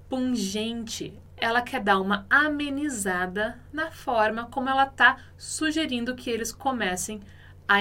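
A Brazilian woman with a Brazilian Portuguese accent explaining an English lesson, slowing down to model English phrases clearly. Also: sits high, pushed and bright. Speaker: English teacher.

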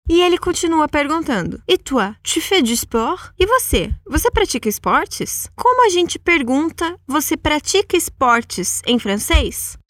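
High-voiced woman teaching French slowly. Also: sing-song, fairly bright tone, dry recording. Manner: slow, careful model sentences for repeating. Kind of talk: language lesson with repetition drills.

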